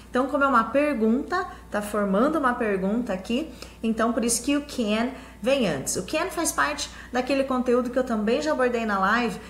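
A woman's voice: on the high side, a bit bright. Chatty woman teaching English. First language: Portuguese. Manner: chatty, checks in with "tá?" and "né?". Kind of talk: online English lesson. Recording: echoey room with faint hum.

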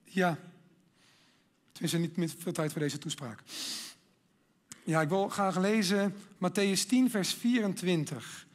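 High-voiced man preaching with emphatic fervor. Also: slow pace, long pauses. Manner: earnest, emphatic, builds to loud exhortation. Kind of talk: sermon.

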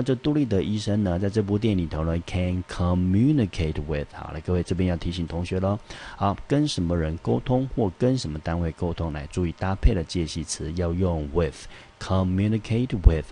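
A male English teacher, giving a vocabulary lesson, spelling out syllables and repeating each word slowly. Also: sits low, dark tone, a little hiss or hum. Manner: peppers speech with "好" and "呢".

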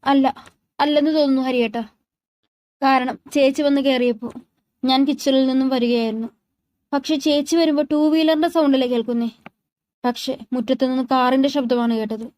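A woman's voice: sits high, steady tone, a little fast, pauses often, darkish tone, lightly acted. A woman voicing a sweet, innocent young woman who speaks earnestly and frets over others in a narrated love story. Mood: worried. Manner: earnest and worried.

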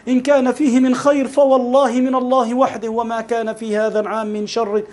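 A man's voice: very high-pitched, little pitch movement, fast talker, a little mellow, a little hiss or hum. A man with an Egyptian accent preaching a sermon with fervour, again and again calling his listeners beloved brothers in God. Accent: Egyptian Arabic. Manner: fervent, repeatedly addresses listeners as beloved brothers.

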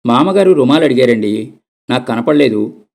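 A man's voice: medium pitch, animated, normal speed, gravelly, darkish tone. A man voicing a weary young woman caretaker in a read-aloud story, speaking plainly and matter-of-factly.

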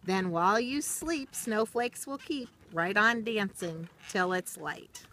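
The storyteller, a middle-aged woman, reads a rhyming picture book aloud to children in a snowy backyard and drops in casual remarks. Her mid-range voice is bright and forceful, and she takes her time. It's outdoor phone video from a short distance, with faint background noise.

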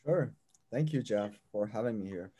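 A man's voice: lowish voice, animated, normal speed, dark tone, husky. A man from China introducing himself as an entrepreneur on an online panel, plain and straightforward.

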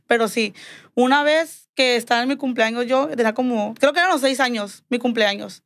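A Mexican woman on a podcast tells a story from her own life, her voice on the high side and fairly quick, with no echo. The feel is a casual, chatty storytelling session. She acts out quoted dialogue with animation and keeps returning to "me dijo."

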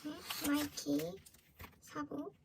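High-pitched girlish woman, casual unboxing vlogger. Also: fairly even intonation, drawn-out words. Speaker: vlogger opening collectible merchandise. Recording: clearly noisy background.

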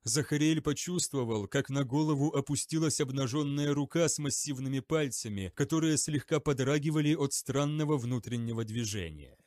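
A man reading an audiobook in a steady, dramatic narrating style. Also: mid-range voice, normal speed, hardly any pauses, dry recording, clean studio sound. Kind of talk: scripted narration.

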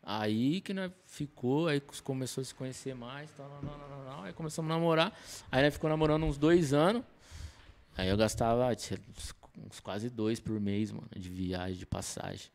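A man, telling his story as a podcast guest in a relaxed, slangy way, recorded on a desk mic in a small studio. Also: mid-range voice, a little fast, vocal fry. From Campinas, Brazil. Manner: relaxed slangy storytelling, many fillers and self-corrections. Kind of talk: casual storytelling interview. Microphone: desk mic on stand.

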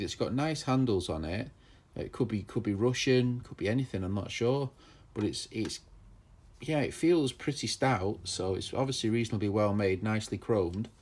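In a casual show-and-tell vlog, a man enthusiastically presents old tools from his collection, rambling and leaning on plenty of fillers. He speaks in a mid-range voice with a darkish tone.

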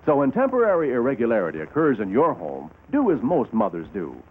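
A man's voice: medium pitch, wildly swooping pitch, a little fast, slightly rough. A man narrating a scripted vintage commercial like a reassuring salesman. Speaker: commercial announcer. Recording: tinny, noisy old commercial soundtrack.

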